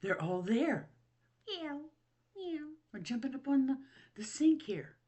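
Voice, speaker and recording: A woman's voice: on the high side, lively intonation, normal speed, mellow. Chatty older woman. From Ohio. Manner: rambling, chatty, laughs often, self-mocking. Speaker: vlog host. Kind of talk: casual chat to camera. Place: at home.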